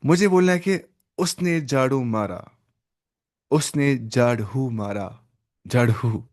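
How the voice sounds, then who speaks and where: A man's voice: mid-range voice, darkish tone. Guy teaching online, keeps repeating phrases and pushing the student to answer, mid voice. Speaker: Arabic teacher. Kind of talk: online language lesson.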